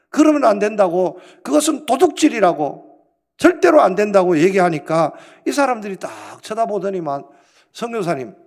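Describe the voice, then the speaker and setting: A male pastor preaching a sermon in a church, telling a story in an emphatic, animated way. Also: high-pitched, gravelly. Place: church sanctuary.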